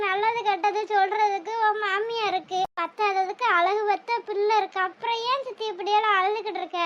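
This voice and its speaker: Cartoon young niece, voiced by a woman, earnest and consoling, very high and bright. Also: lo-fi sound, a little hiss or hum.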